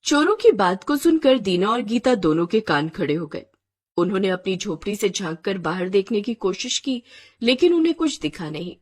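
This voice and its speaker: Breathy woman narrating a dramatic tale. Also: medium pitch, moderate pace. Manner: dramatic, expressive. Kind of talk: scripted storytelling narration.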